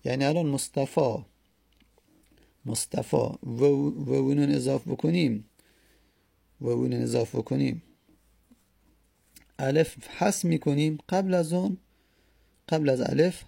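A man with a heavily gravelly, creaky voice and a dark, mellow tone talks through a grammar lesson. He is patient and repeats words slowly and stretches them out. His voice is a bit husky, and the room sounds dry and close. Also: medium pitch, no room sound. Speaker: teacher. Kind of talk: explaining Arabic grammar lesson.

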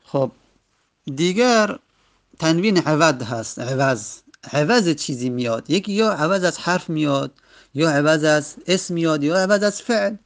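A man teaching a grammar lesson with a gravelly, slightly raised voice. He goes patiently, saying each word form again and again, and his pace stretches and rushes unevenly. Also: a little high, animated. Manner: patient, repeats word forms several times.

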